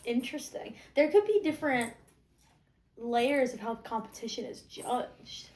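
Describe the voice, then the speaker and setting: A woman's voice: on the high side, animated, a little slow, darkish tone. A woman hosting a challenge with casual chat and playful running commentary. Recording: faint background noise and clicks.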